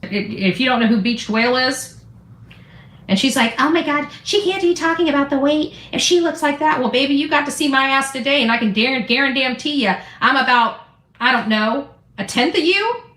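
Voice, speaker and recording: Her voice is high-pitched, expressive and a bit bright at a normal speed as she hosts YouTube true-crime commentary. She speaks informally and with strong opinions, bluntly, defiantly and combatively, with salty slang, and the room gives an echoey sound.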